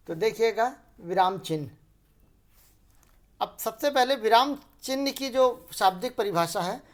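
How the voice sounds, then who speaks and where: A male teacher from Madhya Pradesh walks through a grammar lesson at a steady classroom pace. He speaks slowly and deliberately, pausing and rephrasing each definition so it sinks in. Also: high-pitched. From Madhya Pradesh, India. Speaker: school teacher.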